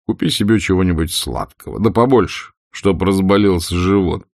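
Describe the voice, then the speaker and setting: A low, drawling voice with a mocking ease, as a man reads him in an audiobook. He talks of people with light scorn. The recording is dry and close. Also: moderate pace, dry recording. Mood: wry. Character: wry, drawling grown man. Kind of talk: audiobook character voice.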